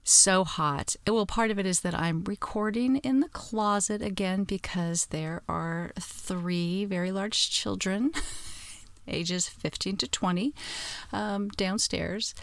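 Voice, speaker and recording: A woman's voice: mid-range voice, slow pace, vocal fry, no room sound. A woman in her forties hosting a casual, rambling podcast chat, recorded inside a small closet at home. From United States. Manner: chatty and rambling. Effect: recorded inside a closet, dead and close. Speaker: podcast host.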